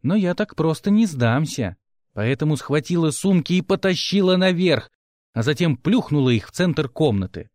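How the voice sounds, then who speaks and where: A man narrating an audiobook with expressive first-person storytelling. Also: a little high, moderate pace, no room sound, studio quality.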